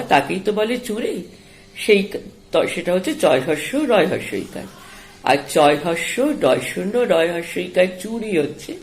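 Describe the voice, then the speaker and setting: Woman teacher, children's lesson, slow unhurried speech, mid-pitched voice, patient explaining. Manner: slow, explaining, checks understanding with asides. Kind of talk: spoken language lesson for children.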